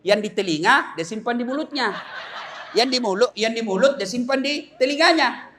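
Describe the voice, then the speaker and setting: A middle-aged man, preaching a comic sermon with lively storytelling, shouting punchlines and laughing with the crowd. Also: very high voice, normal speed, a little hiss or hum. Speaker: Islamic preacher. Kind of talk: comic sermon to a large gathering.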